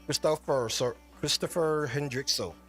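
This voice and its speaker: A man's voice: a little high, moderate pace, fairly bright tone, faint music behind. A man hosting a casual livestream, rambling as he talks straight to viewers in the chat. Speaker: livestream host. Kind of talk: casual live-stream commentary.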